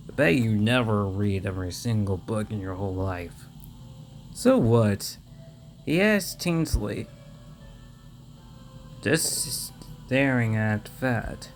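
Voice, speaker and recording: A man reading a visual novel aloud with casual commentary, halting and stumbling over words. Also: fairly low pitch. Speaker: let's play host reading a visual novel.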